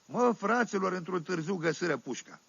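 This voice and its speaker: Un actor care interpretează un sătean oltean de vârstă mijlocie, povestind glumeț și fără șir, cu accent oltenesc, într-o comedie radiofonică. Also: male voice, high voice, lively intonation, gravelly, fairly bright tone, husky, no room sound, full character voice. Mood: amused, rambling. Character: folksy Oltenian village man telling tales. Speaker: storyteller. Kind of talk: 1970s radio comedy monologue. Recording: dull dry 1978 vinyl radio recording.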